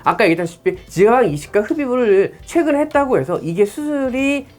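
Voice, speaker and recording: A woman plastic surgeon explaining procedures in an informational clinic video, talking rapidly and animatedly. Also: on the high side, expressive, a little mellow, faint music behind.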